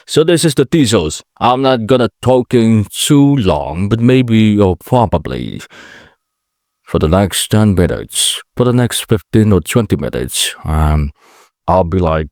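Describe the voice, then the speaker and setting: A man in his late twenties from Indonesia hosts his own vlog podcast in English with an Indonesian accent, rambling solo in a halting, chatty way and often correcting himself. His voice sits fairly low, with an expressive delivery and a darkish tone. Recorded on a camera mic, the audio is clean and studio-like with no room sound.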